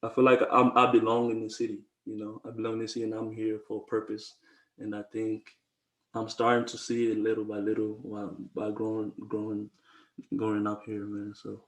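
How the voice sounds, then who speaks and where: A young man from the Congo in his twenties talks in a low, relaxed way, circling back over his words with slang and many restarts. His voice carries a noticeable room echo, as if recorded in a bare space. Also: fairly quick. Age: 20s. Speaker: podcast guest. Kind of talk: casual conversation.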